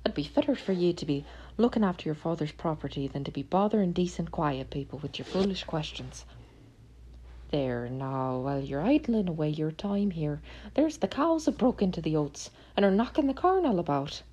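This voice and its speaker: A woman voicing a crafty little male leprechaun who talks in sly, quick, high-pitched banter. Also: animated, dark tone, husky, highs cut off. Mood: scolding.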